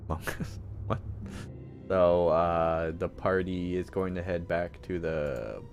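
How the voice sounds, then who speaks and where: A man's voice: sits low, takes it slowly, lo-fi sound. A man running a tabletop game as game master, laid-back and hesitant, often laughing. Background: music.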